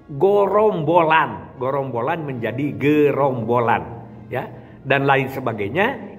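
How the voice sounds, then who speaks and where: An older man with a Sundanese accent giving an informal language lesson, drawing out words and chuckling as he explains. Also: mid-range voice. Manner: animated, drawn-out words with chuckles. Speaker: educator. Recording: long hall reverb with faint music.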